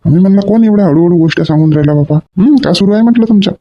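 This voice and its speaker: A man's voice: sits high, racing. An actor playing a forgetful middle-aged father in a comedy sketch, grumbling and asking questions again and again. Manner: grumbling, asks questions repeatedly. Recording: dull lo-fi recording.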